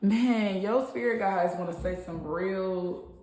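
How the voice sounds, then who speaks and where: A woman's voice: mid-range voice, slow, darkish tone, roomy sound. A woman giving a casual spiritual tarot reading, talking animatedly and repeating herself, often breaking into laughs. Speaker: tarot reader.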